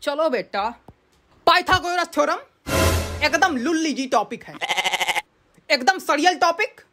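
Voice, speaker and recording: A woman's voice: high-pitched, lively intonation, sharp tone, exaggerated voice. A woman voicing an irritable male math teacher who scolds and snaps at his online class. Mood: irritated. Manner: exasperated, scolding, quick to snap. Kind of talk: comic sketch acting. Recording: clear background noise.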